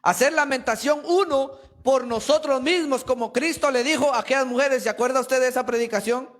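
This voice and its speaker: A man's voice: very high-pitched, fairly quick. A man preaching a sermon in a church with emphatic, rhetorical delivery, addressing listeners as brother.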